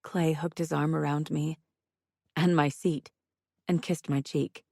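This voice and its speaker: A woman narrating a first-person audiobook with measured, intimate storytelling. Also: deep voice, steady tone, creaky, warm tone, no echo, clean studio sound.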